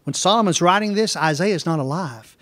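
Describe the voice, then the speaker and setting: A man preaching a sermon, building to emphatic, rhetorical high points and then dropping his voice low. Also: expressive, a little fast, dry recording. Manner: emphatic, swings loud and soft, rhetorical questions. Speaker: pastor.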